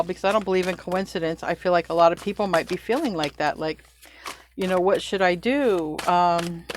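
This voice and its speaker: A middle-aged woman reads tarot in a casual, spiritual way, her fairly low voice accompanied by a slight hiss or hum. She chats loosely as though to a friend, self-correcting mid-sentence and laughing when she slips up.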